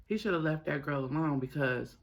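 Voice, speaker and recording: A man hosting a mukbang, talking casually to viewers with his mouth sometimes full, gossipy and emphatic, pausing and repeating phrases. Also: a little high. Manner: talks while eating, mouth sometimes full. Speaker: mukbang host. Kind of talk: casual chatty commentary to viewers while eating.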